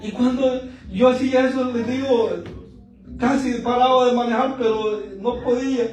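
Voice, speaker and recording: A man with a very high voice preaches a fervent evangelical sermon. He is heard from a distance in a big room with a strong echo. He moves between teaching and emotional personal testimony. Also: little pitch movement, moderate pace, darkish tone. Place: church service in a large room. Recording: very echoey room, voice far from mic.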